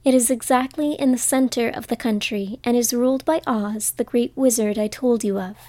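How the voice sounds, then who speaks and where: A woman's voice: a little high, fairly even intonation, moderate pace, no echo, natural voice. A woman doing a kind old witch. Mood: gentle. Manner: gentle and motherly.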